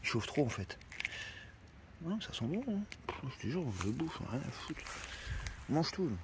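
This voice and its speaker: A man's voice: a little high, very animated, moderate pace, noisy background. Slangy man rambling by a campfire. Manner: slangy, rambling, swears freely. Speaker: van-life vlogger. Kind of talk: casual vlog chat. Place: outdoors by a campfire.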